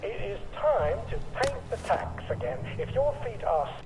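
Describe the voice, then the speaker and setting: An actor playing an officious male military camp announcer in a game, speaking in formal, clipped announcements through a camp loudspeaker. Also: high-pitched, big pitch swings, normal speed. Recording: distant muffled game loudspeaker with noise.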